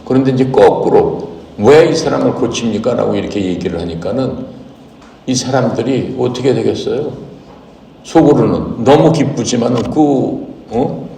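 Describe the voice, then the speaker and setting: A man's voice: mid-range voice, normal speed, creaky, dark tone, a little hiss or hum. A man reading a Bible passage and then preaching on it, asking his congregation questions as he explains it. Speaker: pastor. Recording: echoey hall, voice from far off.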